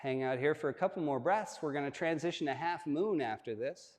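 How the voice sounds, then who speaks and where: Male yoga teacher, slightly raised pitch, laid-back and joking, recorded with a long room echo. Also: brisk. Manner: relaxed, joking asides while demonstrating. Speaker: yoga instructor. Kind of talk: guided yoga class instruction. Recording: long hall-like reverb.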